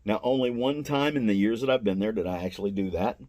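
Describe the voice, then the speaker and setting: Older man, low voice, plain-spoken and aggrieved, casual rambling storyteller. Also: fast, a little mellow. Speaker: mall booth vendor. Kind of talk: casual first-person storytelling.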